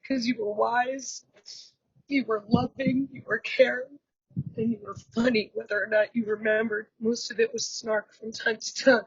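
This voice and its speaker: A husky, breathy middle-aged woman delivers a memorial eulogy, her gravelly voice swinging widely in pitch as she speaks. Her voice is fairly high and sits close and dry. It comes through dull lo-fi video call audio. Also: flat delivery, no room sound. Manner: heartfelt and halting, wide swings in pitch. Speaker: daughter giving a eulogy.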